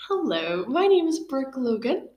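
A 24-year-old woman with a Northern Irish accent, a podcast guest introducing herself in a measured way. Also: high voice, sing-song, dull audio, slight background noise. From Northern Ireland. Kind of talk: casual chat. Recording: roomy echo.

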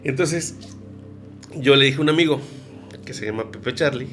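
A man with a Mexican accent, a podcast guest, telling stories in an excitable, rambling way. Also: medium pitch, normal speed, soft background music. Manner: excitable, rambling, restarts sentences. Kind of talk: casual chat.

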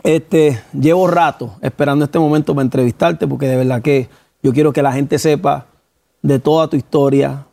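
A man with a Puerto Rican Spanish accent hosting a casual talk show interview in a studio with a live audience, lively and hyped at first, then softer and respectful. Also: medium pitch, normal speed, vocal fry.

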